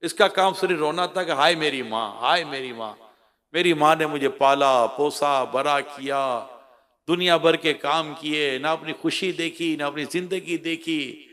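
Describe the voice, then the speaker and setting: A man delivering an emotional sermon, telling a story with dramatic swings between loud cries and hushed lament, repeating words for emphasis. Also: fairly high pitch, steady tone, measured pace. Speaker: preacher.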